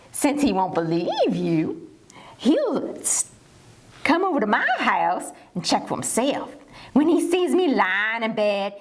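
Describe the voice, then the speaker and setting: An excitable, sly fox puppet acted by a woman, very high in pitch and swooping all over. He schemes eagerly in drawn-out, exaggerated phrases, like a bungling children's show trickster. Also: heavily acted.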